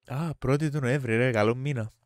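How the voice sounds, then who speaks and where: Male podcast co-host, Cypriot Greek accent, mid pitch, casual chat, dry recording. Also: dry recording. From Cyprus.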